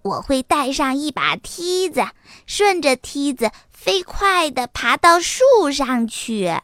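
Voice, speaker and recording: A woman voicing a bold, eager little boy fox in a children's storybook reading, excited and boastful. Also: high voice, slow pace, no room sound, studio quality, full character voice.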